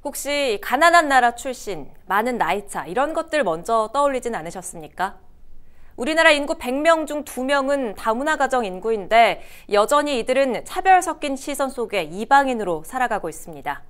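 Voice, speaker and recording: A woman's voice: on the high side, very animated, a little fast, fairly bright tone. A woman anchor presenting a scripted introduction in a television news studio.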